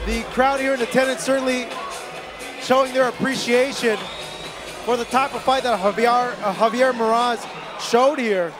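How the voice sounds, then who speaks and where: A man calling a live fight play-by-play, loud and excited, often raising his voice to a shout. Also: very high voice, moderate pace. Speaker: play-by-play boxing commentator. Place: live boxing event in Tijuana. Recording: live broadcast over crowd and music.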